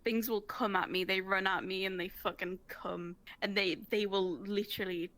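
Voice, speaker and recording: A drunk woman from northeast England with a Northeast English accent. She tells a story in rushed, chatty speech and swears a lot. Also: mid-range voice, steady tone, a bit bright. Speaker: storyteller guest. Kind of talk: casual chat in a virtual world.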